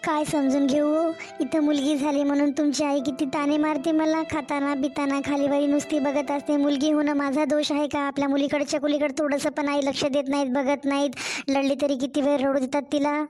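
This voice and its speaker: Cartoon: woman as a pleading young wife and mother, Marathwada Marathi accent, high and level voice. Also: little pitch movement, fairly quick, a little mellow, soft background music, natural voice. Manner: complaining, tearful pleading. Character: young mother, distressed, pleading daughter-in-law. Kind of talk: cartoon story voice acting.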